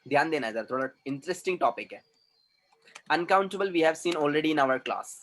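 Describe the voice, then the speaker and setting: A man's voice: a little high, animated, a little slow, a bit bright. Emphatic Indian male English teacher. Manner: emphatic, repeats sounds for drill, mixes Hindi and English. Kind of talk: classroom lecture. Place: classroom.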